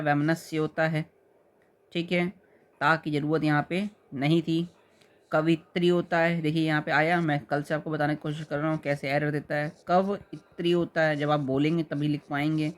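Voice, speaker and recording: A man teaching a spelling lesson to exam students, patiently explaining and repeating words slowly while checking that they follow. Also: fairly high pitch, level tone.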